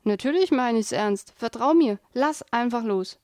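A woman voicing a calm, deadpan male owl who teases his friend in a dry way. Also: on the high side, moderate pace, dry recording, lightly acted.

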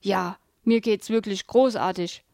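A woman's voice: a little high, normal speed, a little mellow, no room sound, clean studio sound, lightly acted. A woman voicing a grumpy, sarcastic male hamster who whines and panics while clinging to a branch.

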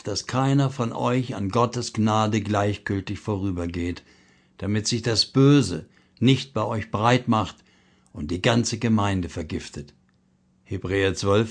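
A man reading a blog article aloud as a devotional reading, earnest and measured, slowing down to stress key phrases. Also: lowish voice, slightly rough.

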